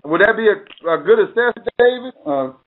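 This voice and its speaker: A man's voice: high voice, lively intonation, normal speed. A male interview host talking in a loose, rambling way over a phone line that keeps breaking up. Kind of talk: casual call-in interview.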